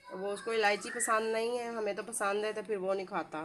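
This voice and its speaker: A woman's voice: medium pitch, steady tone, a little fast, a bit bright, a little hiss or hum. A middle-aged woman with a Pakistani Urdu accent, chatting through a home cooking tutorial with homely, rambling asides. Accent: Pakistani Urdu, village Saraiki-like dialect. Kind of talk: casual cooking tutorial chat.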